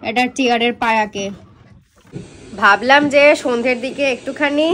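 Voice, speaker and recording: A woman chatting casually to her viewers in a home vlog, talking straight to camera and going hushed near her sleeping pets. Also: on the high side, moderate pace, slight background noise. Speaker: vlogger and pet owner. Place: home indoors.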